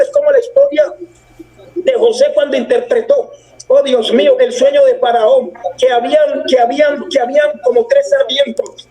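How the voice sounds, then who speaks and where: High-voiced fervent man prophesying. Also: a little mellow, rough recording. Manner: fervent, repeats phrases over and over; quotes God in declarations. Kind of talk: prophetic ministration. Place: online live broadcast.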